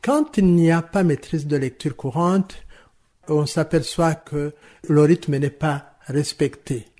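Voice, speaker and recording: A man explaining French rhythm and stress to teachers in a slow, measured, didactic way, answering interview questions. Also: fairly high pitch, warm tone. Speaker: language teaching expert.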